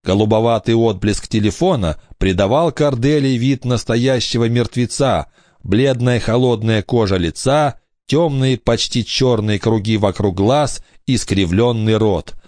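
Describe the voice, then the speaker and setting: A man reading a children's adventure story aloud with expressive, theatrical narration. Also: mid-range voice, measured pace, no echo, studio quality. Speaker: audiobook narrator.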